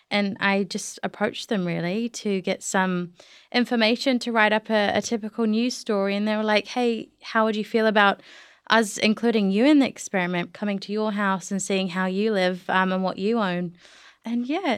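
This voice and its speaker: A female journalist with a clean, mid-range voice appears as an interview guest on a podcast, talking conversationally about her own reporting and reading one of her articles aloud. The sound is dry and studio-clean.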